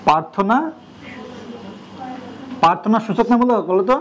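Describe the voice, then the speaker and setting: Young Bangladeshi male teacher, high voice, quizzing the class. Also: moderate pace, a little hiss or hum. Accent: Bangladeshi Bengali. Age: young adult. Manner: asks the class questions, repeats answers. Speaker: coaching center teacher. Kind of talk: classroom lecture.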